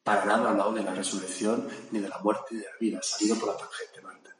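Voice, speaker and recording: A man's voice: fairly low pitch, level tone, quick pace, crowd noise. A man from preaching a reflective gospel sermon, in a conversational manner with little asides to his listeners. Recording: echoey hall with faint room noise.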